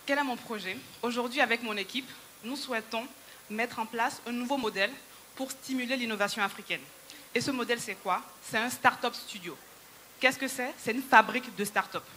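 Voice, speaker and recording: On a handheld microphone in a large hall, a woman in her thirties whose first language is Yoruba gives a rallying stage talk to a conference audience. An entrepreneur and speaker, she is persuasive and addresses the crowd directly. Her voice is a little high, fairly quick, pushed and bright, with a little hiss or hum.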